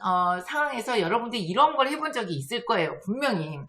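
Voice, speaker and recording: A woman's voice: on the high side, brisk. A woman giving a casual psychology lecture, talking straight to her listeners and slipping into the voices of the people in her examples. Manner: lively, acts out quoted inner thoughts and dialogue; conversational, addresses listeners directly.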